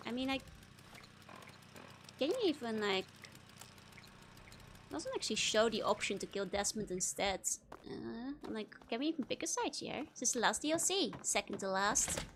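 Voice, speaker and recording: Casting: female VTuber, lightly high-pitched, giggly offhand let's play chatter, noticeably noisy game background. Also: lively intonation, moderate pace, long pauses, a bit bright. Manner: wry, giggly. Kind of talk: casual live let's play commentary. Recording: clearly noisy, game sound behind. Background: video game sounds.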